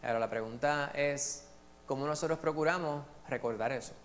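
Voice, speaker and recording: A man with a Puerto Rican accent leading a church Bible study, lively and joking, asking the group questions. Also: mid-range voice, fairly quick. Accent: Puerto Rican Spanish. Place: church meeting room. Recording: faint hum in a long-reverb hall.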